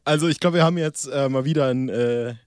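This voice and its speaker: A man's voice: medium pitch, fast talker, a little mellow, smooth, no echo, studio quality. A man hosting a casual podcast chat, talking in a rambling, hesitant way with lots of fillers and restarts. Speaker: podcast host.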